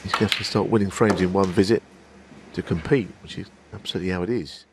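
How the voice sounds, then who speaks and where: A man giving understated, analytical snooker commentary in a hushed, low-key way. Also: fairly even intonation, fast talker. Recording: noisy arena, crowd behind. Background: snooker crowd.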